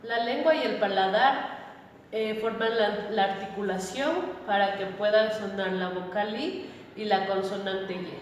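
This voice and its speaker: A woman teaching a pronunciation lesson, explaining slowly with pauses and fillers. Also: mid-range voice, slight background noise. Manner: slow, deliberate, with pauses and fillers. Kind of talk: phonetics lesson. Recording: echoey hall, voice from a distance.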